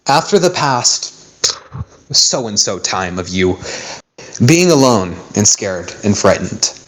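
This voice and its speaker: A man's voice: lowish voice, big pitch swings, slow, fairly bright tone. A man narrating as game master, laid-back and joking, on a phone mic.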